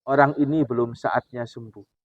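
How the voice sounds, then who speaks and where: A man's voice: medium pitch, steady tone, moderate pace, no echo, natural voice. A man voicing a humble sickness spirit that plainly explains that it was sent to test a believer's faith. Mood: deferential. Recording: dull, dry recording.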